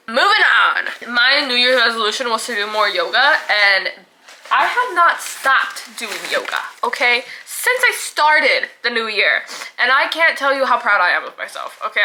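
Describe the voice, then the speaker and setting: A young woman with a vivid, sharp and slightly high voice chats through a snack review, laughing easily and padding her sentences with "like" and "okay?". Her tone is loose and conversational, recorded close on a camera mic with a faint hiss underneath. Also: animated, moderate pace, rough recording. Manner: chatty, laughs often, fillers like "like". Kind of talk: casual chatty vlog.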